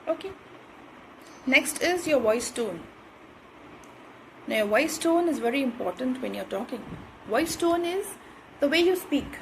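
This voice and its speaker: A woman's voice: high-pitched, animated, unhurried, gravelly, pauses often, slight background noise, poor audio. A woman giving an instructional talk on communication skills, repeating her points and checking in with "right?".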